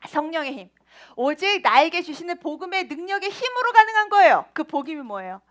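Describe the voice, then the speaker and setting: A woman. She sits high in her register and swings her pitch widely, playful and quick to laugh. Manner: lively, playful, laughs often and acts out voices. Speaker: children's ministry preacher. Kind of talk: children's sermon.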